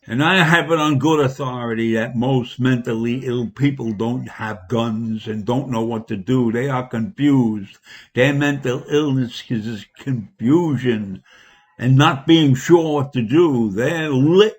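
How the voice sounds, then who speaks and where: A man giving an indignant opinion monologue as a commentator, his pitch rising sharply when he stresses a point. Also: husky. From United States.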